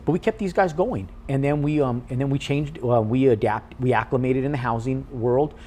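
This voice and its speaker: A man in an interview who tells his story casually, animated and with casual swearing. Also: medium pitch, moderate pace, slight background noise. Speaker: podcast guest, real estate investor.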